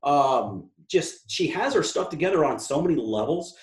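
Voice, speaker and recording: A man's voice: fairly high pitch, animated, normal speed, echoey room. A man talking on a podcast in a casual, blunt way, telling stories with lots of animation and swearing freely.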